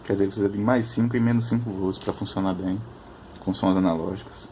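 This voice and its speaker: A man chatting casually at his workbench, explaining technical details while thinking aloud, often pausing and restarting. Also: deep voice, steady tone, warm tone, a little hiss or hum. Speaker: electronics hobbyist.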